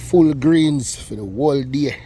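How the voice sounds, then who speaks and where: A man with a Jamaican accent hosting an outdoor cooking vlog, chatting in relaxed patois and teasing playfully. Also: medium pitch, slight background noise. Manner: laid-back patois banter, playful teasing. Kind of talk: casual outdoor cooking chat. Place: outdoors beside an open cooking fire.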